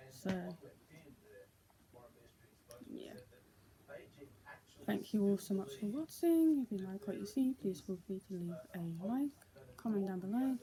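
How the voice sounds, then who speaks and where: Filmed indoors during the day on a tablet's built-in microphone, this young vlogger chats casually and rambles, leaning heavily on "so, yeah." Her voice is medium-pitched and the recording is rough.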